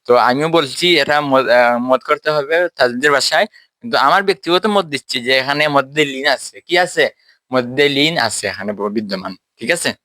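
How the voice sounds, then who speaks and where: A man teaching a tajweed class, explaining step by step and quizzing his students, with slow drawn-out letters. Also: medium pitch, sharp tone, no room sound. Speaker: Quran recitation teacher.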